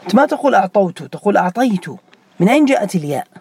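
A man's voice: high-pitched, sing-song, very fast, a little mellow, breathy edge. A man teaching a classroom grammar lesson, repeating key words and quizzing students by name.

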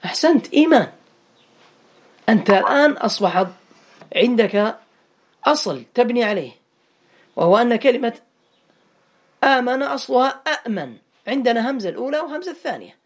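A man's voice: very high-pitched, expressive, brisk, pauses often. A man teaching an Arabic grammar lesson online, quizzing students by name and repeating words for them.

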